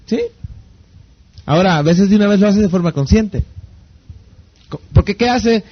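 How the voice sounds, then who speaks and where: Man, high-pitched leadership lecturer, rhetorical question after question, muffled lo-fi sound. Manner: keeps asking rhetorical check-in questions. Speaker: leadership speaker. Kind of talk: lecture to an audience.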